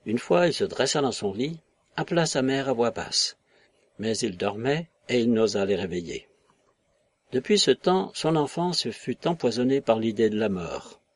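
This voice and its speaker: A man narrating a novel in a measured, literary reading on a close mic. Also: mid-range voice, very animated. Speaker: audiobook narrator. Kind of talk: scripted narration.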